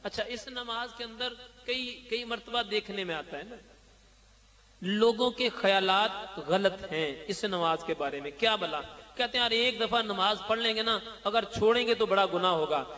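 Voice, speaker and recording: A man's voice: sits high, normal speed, sharp tone. A man preaching a sermon, exhorting listeners with chanting repetition. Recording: long hall reverb.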